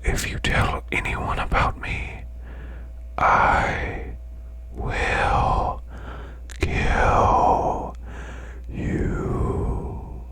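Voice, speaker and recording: Whispering with a breathy growl, a performer plays a male demon boss who tells bedtime tales in ASMR style. The slow, deliberate, hushed delivery carries a mood of slow menace.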